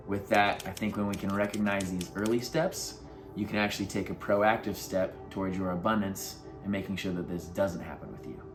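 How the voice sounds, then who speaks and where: Speaking straight to camera, a life coach with a fairly low voice gives earnest motivational advice in a loose, casual way, relying heavily on fillers. Faint music plays behind him.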